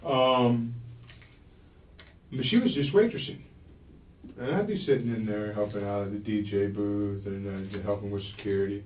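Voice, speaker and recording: Man, interrogation subject, halting rambler; low-ish voice, distant phone-like room audio. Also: echoey room, slight background noise. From Florida. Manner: rambling, halting, with many restarts. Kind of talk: police interrogation.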